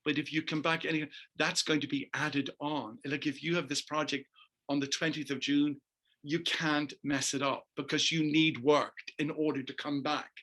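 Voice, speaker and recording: A middle-aged man from Northern Ireland, a dancer and choreographer, telling stories as an interview guest in an animated, emphatic way. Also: fairly high pitch, normal speed. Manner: animated, emphatic storyteller who keeps addressing the host by name. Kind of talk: storytelling interview.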